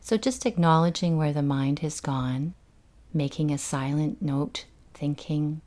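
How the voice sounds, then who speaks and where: A low-voiced woman leads a meditation session in a gentle, soothing way. She takes her time and leaves long gaps between instructions.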